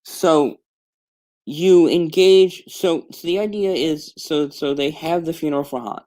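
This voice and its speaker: A man's voice: on the high side, a little slow, warm tone. A man streaming alone, retelling a story in a rambling casual way with many restarts and self-corrections. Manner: casual, swears offhandedly.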